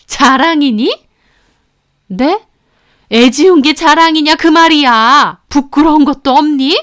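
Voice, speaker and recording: A woman's voice: high voice, slow pace, a bit bright, voice pushed up. A woman voicing a scornful middle-aged rich mother who shrieks and belittles. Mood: shrieking.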